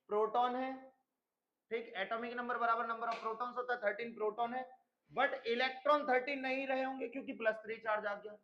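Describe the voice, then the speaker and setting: High-voiced male teacher, lo-fi recording. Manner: stern, lecturing, mixes English terms into speech. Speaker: chemistry teacher. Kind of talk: classroom lecture. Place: coaching classroom.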